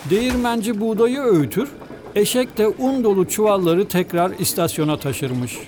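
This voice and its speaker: High-voiced man reading a storybook. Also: expressive, moderate pace, noisy background. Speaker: storybook reader. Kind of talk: storybook narration.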